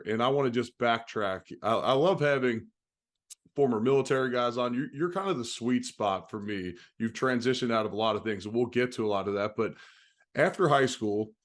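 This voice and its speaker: Man hosting an interview podcast. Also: medium pitch. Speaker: podcast host. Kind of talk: interview questions.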